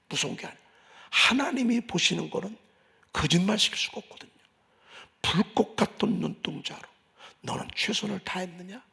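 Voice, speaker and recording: A male pastor preaching a sermon in a church, swinging from loud declarations to hushed asides. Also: a little high, gravelly. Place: church sanctuary.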